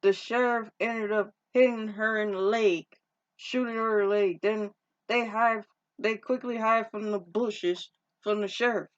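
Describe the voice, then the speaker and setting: A woman's voice: mid-range voice, fairly even intonation, a little slow. A woman casually recapping a movie's plot in a rambling, informal way, often restarting her sentences and using slang. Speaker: movie reviewer. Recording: dull lo-fi recording.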